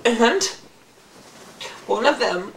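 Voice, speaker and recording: A shaky, disturbed patient, as a man plays him in an amateur comedy sketch, his voice squeaky and very high, drawn out slowly. He quavers and giggles, sliding from whispers into wails. The room is echoey, with a faint hiss. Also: animated, fairly bright tone, heavily acted. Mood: giggly. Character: shaky disturbed man confessing odd flaws. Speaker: therapy patient.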